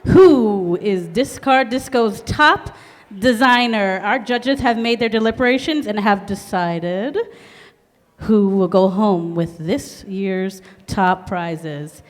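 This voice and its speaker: A woman's voice: medium pitch, slow. A woman speaking as a fashion show emcee, announcing live to an audience. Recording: echoey hall sound.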